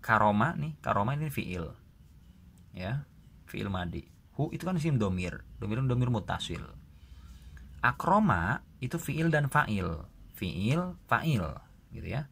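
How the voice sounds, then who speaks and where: A man's voice: mid-range voice, sing-song, a little slow, creaky, pauses often, fairly bright tone, slightly rough. A man teaching Arabic grammar, explaining step by step and checking in with his students after each example. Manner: explains patiently, with frequent "gitu ya" check-ins. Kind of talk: classroom grammar lesson.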